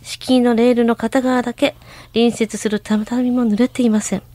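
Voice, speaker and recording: A woman's voice: a little high, flat delivery, moderate pace, dark tone, no room sound. A woman co-hosting a radio show, reading a listener's letter aloud.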